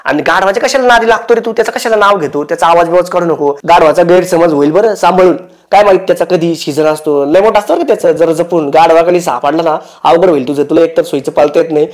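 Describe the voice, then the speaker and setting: Mocking man roasting with a high voice. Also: fast, few pauses. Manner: mocking, teasing. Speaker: roast host. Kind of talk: comic roast commentary.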